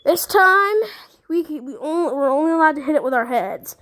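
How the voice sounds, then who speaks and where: In a high-pitched voice at a moderate pace, a performer improvises dialogue between excitable schoolkids bickering at play. The mood is casual and chatty, with teasing slang and exclamations throughout.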